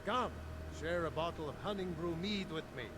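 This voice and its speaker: A man's voice: on the high side, moderate pace, noisy background, lightly acted. An actor playing a jovial, hospitable male reveller in a fantasy video game. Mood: merry. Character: merry, friendly male reveller offering mead to travellers. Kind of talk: video game character acting.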